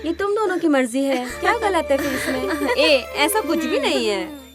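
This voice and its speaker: A woman's voice: high-pitched, big pitch swings, moderate pace. An actress dubbing a teasing, giggly young village woman in a Hindi film dub. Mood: playful. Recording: music under dialogue.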